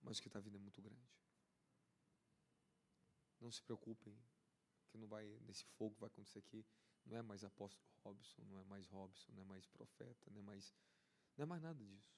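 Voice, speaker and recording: Man, Brazilian accent, charismatic preacher, fervent, repeats himself, climbs to excited highs. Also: a little fast, vocal fry, pauses often. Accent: Brazilian Portuguese. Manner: fervent, repetitive, rising to excited peaks. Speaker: apostle preaching. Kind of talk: charismatic sermon.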